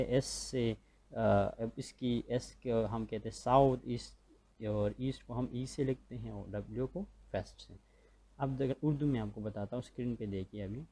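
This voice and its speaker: Male teacher, Pakistani accent, patient explainer who keeps checking understanding, mellow mid-pitched voice. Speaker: school teacher. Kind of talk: recorded classroom lecture.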